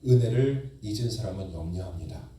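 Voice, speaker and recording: A man pastor preaching a Sunday sermon in a church, with rising emphasis and slow, drawn-out lines. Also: fairly low pitch, lively intonation, dark tone, a little hiss or hum. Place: church sanctuary. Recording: very echoey church hall, distant mic.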